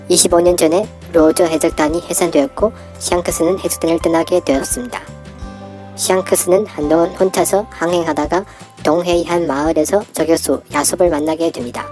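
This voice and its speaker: Disguised by a downward pitch shift, a narrator reads a scripted, story-like character breakdown, delivering it steadily with sentences that fall at the end.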